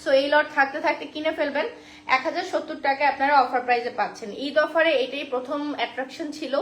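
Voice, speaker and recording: A woman's voice: sits high, steady tone, quick pace, fairly bright tone. A woman selling skincare products on a live stream, chatty and repeating the prices and offers. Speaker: online shop seller. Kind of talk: live-stream sales pitch. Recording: roomy echo, faint background noise.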